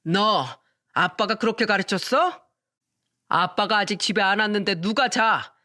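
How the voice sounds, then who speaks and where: A woman voicing a drunk, bossy middle-aged husband and father who scolds loudly with slurred words. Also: mid-range voice, measured pace. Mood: drunken scolding.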